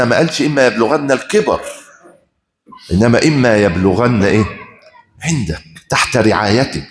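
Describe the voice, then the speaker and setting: A man preaching a Friday sermon with an Egyptian accent, telling stories with passion and firing rhetorical questions at his listeners. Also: medium pitch. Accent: Egyptian Arabic. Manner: impassioned storytelling, rhetorical questions. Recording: roomy echo.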